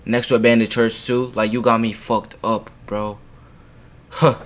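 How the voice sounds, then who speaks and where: A young man reacting to a video in casual commentary, excitable and full of profane slang and repeated "bro". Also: medium pitch, measured pace.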